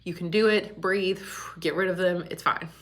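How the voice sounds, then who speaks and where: A school librarian chats casually on video and laughs often, her voice echoing around an empty back storage room. She speaks in a lowish, steady voice at a moderate pace.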